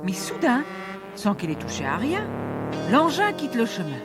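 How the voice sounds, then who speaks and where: A woman reads a children's story aloud in a rather high, very animated voice, leaping up in pitch when she voices the characters. Loud music plays under her reading. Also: moderate pace. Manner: lively, voices the characters with big pitch jumps. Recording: story read over loud background music.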